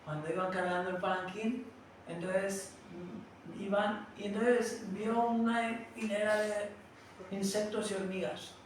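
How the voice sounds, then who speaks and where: A man's voice: high-pitched, level tone, unhurried, slight background noise. A man with a Spain Spanish accent tells a devotional story in a class, talking conversationally and often tagging his phrases with a questioning "no". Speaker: spiritual teacher. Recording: very echoey room, distant mic.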